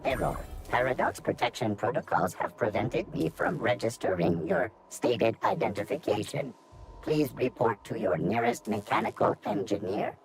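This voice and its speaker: An actor playing a stern male ship computer that guards access, with flat, clipped machine announcements. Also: medium pitch, normal speed, creaky, a little hiss or hum.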